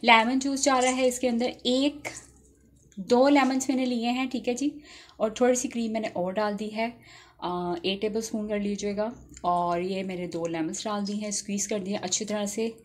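A home cook chattily guides viewers through a casual recipe demonstration, sprinkling English phrases into her speech. Her mid-range voice holds a fairly even intonation at a normal speed, and kitchen clatter creates noticeable background noise.

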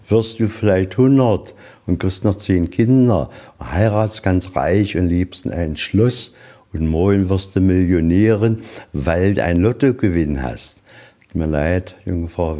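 A man with a low-sitting, mellow voice works as a museum guide, telling stories inside the museum in a relaxed, folksy style. Typical of informal guided-tour storytelling, he often asks questions and answers them himself.

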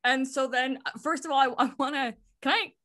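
A bubbly woman in her thirties co-hosts over a video call. Her voice is bright and sharp, and she laughs often and restarts her sentences. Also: sits high, steady tone, fairly quick. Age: 30s. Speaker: podcast co-host. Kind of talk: casual video-call conversation.

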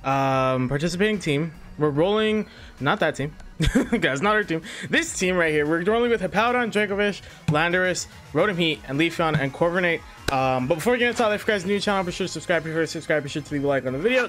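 A man's voice: on the high side, lively intonation, quick pace, fairly bright tone, soft background music. Chatty young man hosting a gaming channel. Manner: chatty and scattered, many fillers. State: slightly out of breath. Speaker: YouTube gaming channel host. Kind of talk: casual gameplay commentary.

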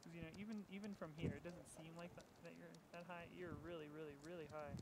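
A man's voice: a little high, steady tone, fast talker. A man skiing with a friend, hesitant and complaining that he can't see where he's going. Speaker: friend skiing with the camera operator. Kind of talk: casual chat. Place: outdoor ski slope and chairlift in a snowstorm. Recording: distant voice under loud wind noise outdoors.

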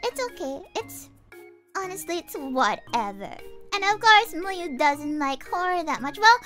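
Cute anime streamer, female: extremely high childlike voice, bright and very animated, playful livestream chat over music. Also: unhurried. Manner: cute anime streamer, childlike, refers to herself in third person; giggly, playful, sprinkles cutesy verbal tics. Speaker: virtual streamer introducing herself.

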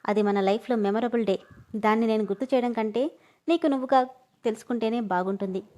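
Speaking quickly and a little below her own pitch, a woman voices a loving young husband who teases and protects his wife. Her delivery is tender, a little mellow, and lightly acted.

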